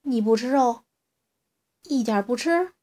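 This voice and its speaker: A woman voicing a big bullying male tyrannosaurus in a storybook reading, loud and jeering, with a slightly husky voice. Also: fairly high pitch, animated, unhurried, voice pushed up. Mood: taunting. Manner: loud, jeering, bursts of laughter.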